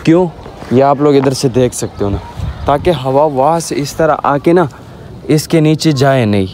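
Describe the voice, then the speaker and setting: A young man in his twenties talks casually to the camera of a phone held at arm's length, giving a walking tour outdoors. His pitch sits in an ordinary middle range, and he keeps tagging "na" onto his lines. Clear outdoor noise and birdsong fill the background. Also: lively intonation, moderate pace, dark tone. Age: 20s. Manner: chatty, keeps tagging "na" onto lines while showing viewers around. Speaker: vlogger. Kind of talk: casual home-tour vlog. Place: outdoors on a rooftop and a village yard.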